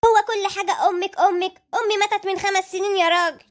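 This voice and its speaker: A woman's voice: very high-pitched, fairly even intonation, fast. A woman voicing a nagging, put-upon wife and mother in an Egyptian cartoon, with an Egyptian accent and a whiny, pleading way of talking. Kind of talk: cartoon voice acting.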